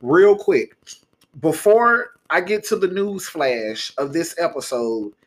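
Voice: medium pitch, animated, slow pace. A podcast host in casual chat, talking candidly and bluntly with frequent swearing. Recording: roomy echo.

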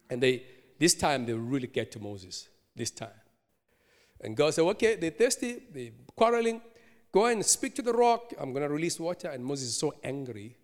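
Animated man preaching in an echoing hall. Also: on the high side. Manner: animated storytelling, laughing, rhetorical asides. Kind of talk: sermon. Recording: long hall reverb.

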